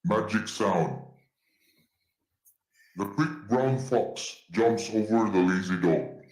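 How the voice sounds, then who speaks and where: A man reading a test sentence through a voice changer that shifts his pitch up and down. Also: slow, a little mellow, breathy edge. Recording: distant roomy voice with long reverb.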